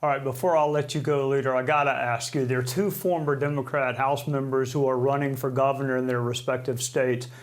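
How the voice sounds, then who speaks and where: A man's voice: mid-range voice, steady tone, brisk, few pauses. Sardonic male TV news host. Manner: sardonic, mocking asides. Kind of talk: live TV news interview.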